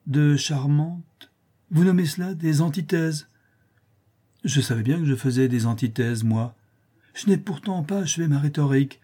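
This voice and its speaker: A man's voice: a little high, lively intonation, moderate pace, warm tone, slightly rough. A man voicing a vain, pompous older count who admires his own verses. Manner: pompous, self-admiring, emphatic.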